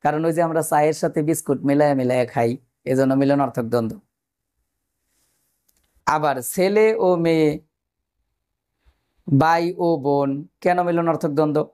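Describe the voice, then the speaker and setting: Male tutor, fairly high voice, methodical exam-prep explainer who quizzes viewers. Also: steady tone, normal speed, long pauses, a little mellow, smooth. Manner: explains step by step, asks the viewers questions. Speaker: teacher. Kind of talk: exam-prep grammar lesson.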